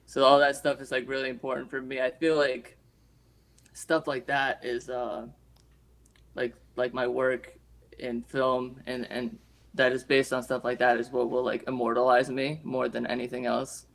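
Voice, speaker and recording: A man from Romania, a guest in a casual interview, talking in a relaxed, reflective way with many pauses and fillers. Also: mid-range voice, creaky, slight background noise, poor audio. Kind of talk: casual conversation.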